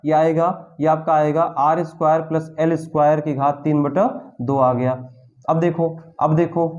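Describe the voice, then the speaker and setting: A man's voice: a little high, darkish tone, highs cut off. A man teaching a physics lesson, working through a derivation step by step, repeating each step and asking his students questions as he goes. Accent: Hindi-speaking North India. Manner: repeats steps and asks students questions as he writes.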